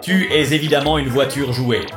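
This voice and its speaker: A man voicing a talking toy robot with artificial intelligence, using a robot voice that is flat and precise and talks in calculations. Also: mid-range voice, normal speed. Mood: logical. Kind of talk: cartoon voice acting. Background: children's music.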